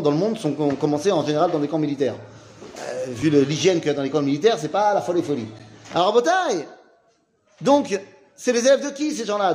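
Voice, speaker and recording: A man's voice: high-pitched, a little mellow, slight background noise. A man teaching an informal Talmud class, asking questions and then answering them himself in a casual, slangy way.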